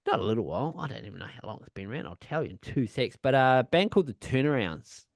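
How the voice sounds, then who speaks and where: A man's voice: mid-range voice, sing-song, quick pace, creaky, no room sound, studio quality. A man co-hosting a punk podcast in casual chat, rambling, swearing a lot and laughing often. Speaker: podcast co-host.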